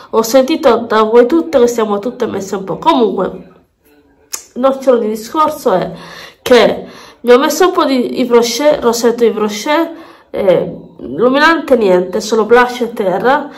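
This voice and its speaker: A woman with a fairly high voice speaks through a pinched, stuffed-up nose, clearly congested with a cold. She chats casually as a beauty vlogger, rambling along and often doubling back on her words. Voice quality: nasal, pinched blocked-nose voice. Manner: rambling, repeats words and phrases. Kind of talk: casual chatty makeup vlog. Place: bathroom at home.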